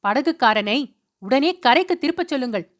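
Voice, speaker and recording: A woman voicing a calm, level-headed young woman who speaks firmly in a storybook reading. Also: high-pitched, normal speed.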